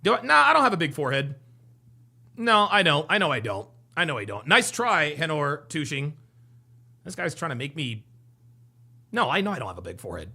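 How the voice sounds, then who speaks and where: Animated high-voiced man with gravelly edge. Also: brisk, pauses often. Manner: animated, joking, repeats himself. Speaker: streamer reacting to a dating show. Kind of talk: live stream reaction commentary.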